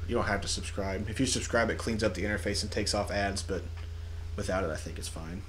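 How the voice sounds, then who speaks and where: Young male co-host, mid-range voice, relaxed and rambling, easy chuckle. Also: fairly low pitch, a little fast, slight background noise. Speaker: podcast co-host. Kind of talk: casual joking chat.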